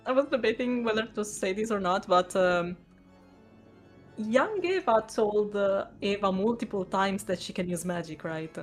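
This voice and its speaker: A woman's voice: medium pitch, expressive, normal speed, faint music behind. Woman streamer reading a visual novel. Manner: laughs easily, reads narration steadily. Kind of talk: casual chat and reading aloud.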